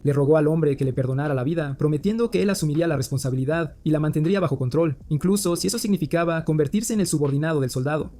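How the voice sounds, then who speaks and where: A man narrating a story recap in a scripted, steady storytelling manner. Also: fairly high pitch, racing, hardly any pauses, a little hiss or hum. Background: faint music.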